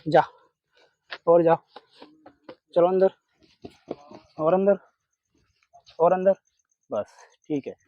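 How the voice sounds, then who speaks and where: A young man rescuing a snake outdoors at night, murmuring low and soothing words to calm it while he explains to onlookers. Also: drawn-out words, long pauses, lo-fi sound, a little hiss or hum. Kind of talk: narrating a live snake rescue.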